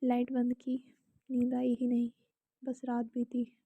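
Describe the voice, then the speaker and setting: Recorded dry at home with no echo and a slightly dull sound, a young woman with an Indian accent narrates a romance slowly and calmly. Her voice sits on the high side and is slightly rough, and she occasionally whispers or adds casual asides for the listener.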